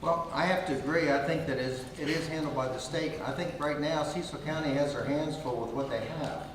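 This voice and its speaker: A man's voice: on the high side, fairly even intonation, brisk, noisy background. Man candidate in a reverberant hall. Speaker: council candidate. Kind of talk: candidate forum answers. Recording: echoey hall with long reverb, distant mic.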